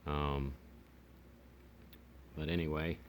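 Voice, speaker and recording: In a rumbling low voice with a level tone, a man speaks very slowly while demonstrating radios for his hobbyist video. The demo is casual and unscripted, his talk hesitant and rambling, and background noise is clearly audible.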